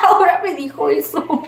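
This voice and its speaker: Chatty high-voiced Mexican woman. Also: creaky, roomy sound, slight background noise. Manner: chatty, rambling, laughs often. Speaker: cooking vlogger. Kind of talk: casual chat while cooking.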